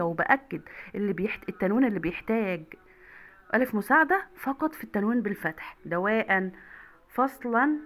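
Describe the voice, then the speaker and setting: Teaching an online Arabic lesson to primary school children, a young woman with an Egyptian accent repeats words slowly and clearly. Her voice is mid-range and a bit bright.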